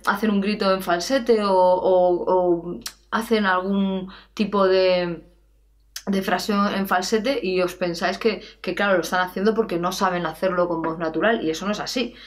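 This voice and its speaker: Lively singing teacher woman. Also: fairly low pitch. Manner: lively, chatty, animated with playful examples and laughs. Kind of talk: answering viewer questions.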